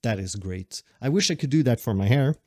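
A man's voice: mid-range voice, expressive, fairly quick, darkish tone, no echo, clean studio sound. A man in his late twenties chatting casually on a solo podcast, rambling and correcting himself, often laughing. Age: 20s. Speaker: podcast host.

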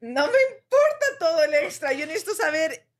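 A young adult woman co-hosting a podcast in casual chat, talking quickly and mixing English words into her Spanish. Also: high voice, very animated. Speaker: podcast co-host.

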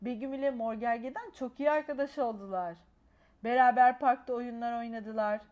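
A woman's voice: fairly high pitch, moderate pace, darkish tone, dull audio. A woman expressively reading a children's storybook aloud.

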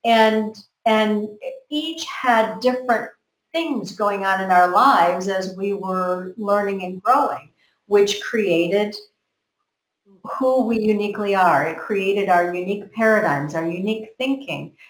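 A woman's voice: medium pitch, takes it slowly. A woman from America, talking earnestly in a group conversation and often repeating words as she works out her thoughts. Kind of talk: motivational group chat. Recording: roomy echo.

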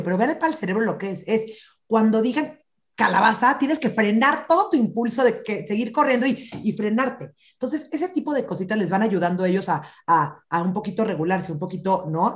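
Animated woman explaining parenting. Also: medium pitch. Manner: animated, acts out children's lines. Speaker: parenting expert guest. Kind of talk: explanatory podcast talk.

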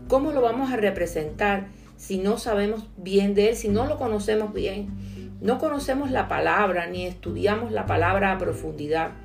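Earnest woman preaching over soft guitar. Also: medium pitch, moderate pace, vocal fry. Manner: earnest, asks the listener many questions. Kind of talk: devotional sermon with scripture reading.

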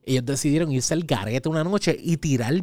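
A Puerto Rican man in his thirties, a podcast host, telling a story in casual chat and acting out his own shouts. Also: a little high, fairly quick, dry recording. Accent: Puerto Rican Spanish.

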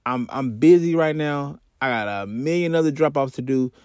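A man voicing a tired woman mail carrier who brushes off a customer in a flat, firm way. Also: medium pitch, moderate pace, no echo, studio quality, pitched below the performer's own voice, natural voice.

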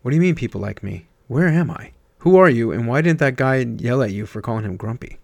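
A man's voice: medium pitch, lively intonation, fast, gravelly, dry recording. A man voicing a bewildered young man who stammers and asks flustered questions in a storybook reading. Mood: confused.

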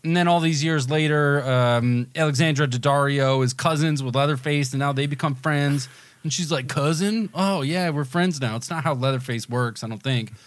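A man's voice: medium pitch, steady tone, normal speed, dry recording. A man co-hosting a podcast, rambling with enthusiasm in casual chat, often restarting his sentences. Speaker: podcast co-host.

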